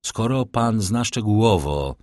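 A man's voice: on the low side, expressive, unhurried, a little mellow, no room sound, studio quality. A man reading as a pleading young nobleman. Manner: pleading, urgent. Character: distraught young nobleman seeking his father's killer.

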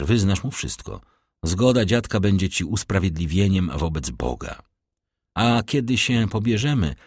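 A man's voice: deep voice, a little mellow, dry recording, studio quality, full character voice. Maksymilian, a man voicing an ardent young lover. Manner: earnest, resolute, declamatory. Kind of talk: audiobook reading of a classic novel.

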